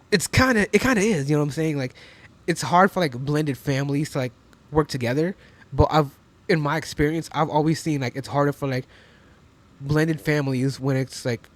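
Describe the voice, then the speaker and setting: A man's voice: on the high side, fairly quick. A man in his twenties giving casual, profane reaction commentary at home, chatty and full of slang. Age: 20s. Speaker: reaction streamer.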